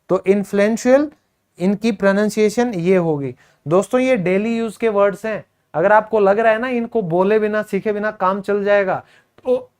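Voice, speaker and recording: A man with a Hindi accent teaching English vocabulary, repeating each word slowly and quizzing his students. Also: high-pitched. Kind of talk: spoken English lesson.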